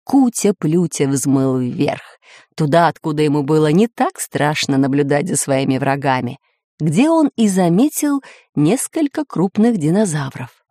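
A woman narrating a children's storybook in an expressive, animated way. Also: low-pitched, a little slow, dry recording, clean studio sound. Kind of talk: storybook reading.

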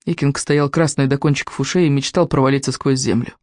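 An audiobook narrator telling a story with expressive delivery. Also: mid-range voice, quick pace, no room sound, clean studio sound. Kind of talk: scripted narration.

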